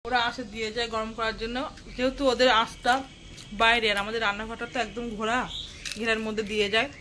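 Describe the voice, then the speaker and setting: A woman's voice: on the high side, level tone, fast. A woman vlogging at home, chatting to her viewers in a running commentary while busy with chores, recorded on a handheld phone as she moves indoors and out. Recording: noisy household ambience.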